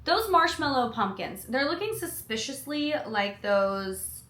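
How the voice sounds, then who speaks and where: Woman, food vlogger, bright voice, slightly high, chatty asides, echoey room. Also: very animated, measured pace. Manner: chatty, reads menu items aloud with personal asides. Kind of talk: casual chat reading a menu.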